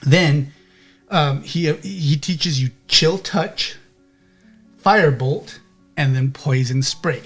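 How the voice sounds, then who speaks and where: Rambling game master, higher male voice. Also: slow, pauses often, a bit bright, breathy edge, soft background music. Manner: rambling, with many restarts and "okay?" checks. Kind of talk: narrating a tabletop game.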